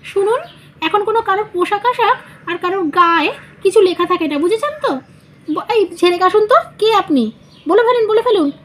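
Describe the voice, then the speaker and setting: A woman voicing an excitable young wife in a doll vlog drama, shrill and flustered and quick to panic. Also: slight background noise. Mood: suspicious.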